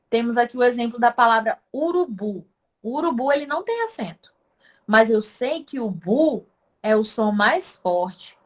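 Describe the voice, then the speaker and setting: Woman teacher stressing syllables. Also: on the high side. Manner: explains step by step, answers her own questions; stresses syllables loudly to demonstrate. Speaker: Portuguese language teacher. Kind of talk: online class lesson.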